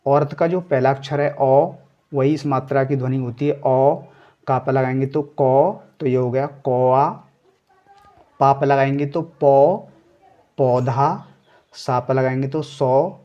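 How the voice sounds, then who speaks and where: A man's voice: mid-range voice, highs cut off. A man teaching a reading lesson step by step, sounding out words syllable by syllable and then saying them whole, often checking in with "okay". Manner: checks in with a frequent "ठीक है". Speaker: Hindi teacher.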